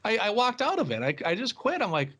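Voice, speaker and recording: A man from the telling a story on a podcast in a lively way, often laughing as he talks. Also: high voice, fast talker. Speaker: podcast co-host. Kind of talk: casual podcast chat.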